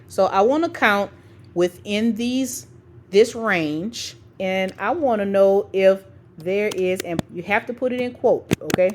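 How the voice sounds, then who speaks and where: In this screen-recording voice-over, a mid-range female voice teaches educators how to use spreadsheets. She goes through the tutorial step by step, dictating formulas bit by bit while checking in casually, frequently saying "okay" and "right."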